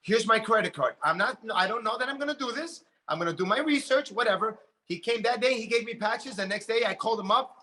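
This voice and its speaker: A man in his late forties giving an energetic motivational talk about his business, often repeating words as he builds up steam. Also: high-pitched, fast talker, hardly any pauses. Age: 40s. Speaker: network marketing leader.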